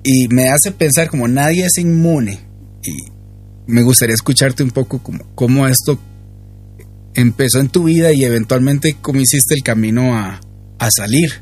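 Husky young co-host. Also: male voice, mid-range voice, normal speed, darkish tone, soft background music. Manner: attentive, with frequent back-channel sounds. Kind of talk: podcast interview hosting.

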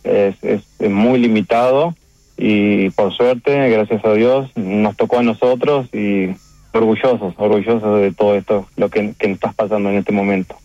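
A middle-aged man with a Uruguayan accent, a chef talking about his restaurant's award in a phone interview, halting and emotional, with many restarts. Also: on the low side, fairly even intonation, no room sound. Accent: Uruguayan Spanish. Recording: dull phone line.

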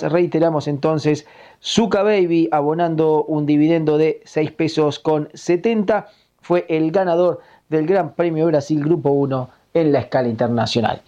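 A man with a Uruguayan accent giving a formal, measured report of horse racing results as a radio correspondent. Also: on the high side, warm tone, muffled recording.

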